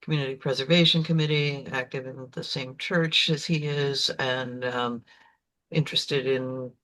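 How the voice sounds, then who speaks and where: An older woman, a retired geologist, introducing herself in a plain, thoughtful, measured way. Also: very deep voice, fairly even intonation, a bit bright. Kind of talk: self-introduction in a group discussion.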